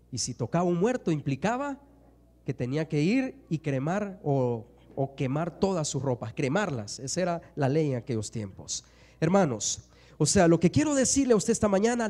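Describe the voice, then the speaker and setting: A pastor preaches to his congregation in a church, his high, lively voice sweeping up and down. The tone is mellow rather than bright, and he slips into little acted voices for the people in his stories. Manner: preaching with rising and falling emphasis, acting out voices in stories. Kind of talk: sermon. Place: church sanctuary.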